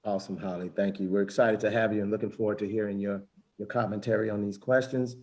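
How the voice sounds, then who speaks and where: A man's voice: lowish voice, steady tone, quick pace, darkish tone. A man moderating an online conference panel. He sounds upbeat and welcoming, with a lot of ums and restarts as he introduces the guests. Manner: upbeat, many fillers and restarts.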